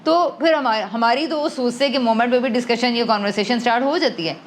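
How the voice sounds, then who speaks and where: A woman's voice: fairly high pitch, slight background noise. A woman guest on a podcast, explaining things conversationally and thoughtfully, slipping English terms into her speech and often restarting sentences. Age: adult parent. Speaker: podcast guest on emotional wellbeing.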